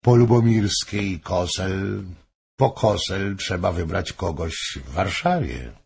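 A man's voice: low voice, slow, vocal fry, a little mellow, slight background noise, exaggerated voice. A man reading aloud, voicing a scheming noblewoman who coaxes a king. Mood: coaxing. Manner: coaxing, insinuating. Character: scheming noblewoman, persuasive and sly.

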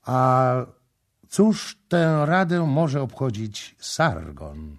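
A man reading the part of a proud young prince in an audiobook, forceful and commanding. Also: mid-range voice, very animated, extremely slow, voice pushed up, heavily acted.

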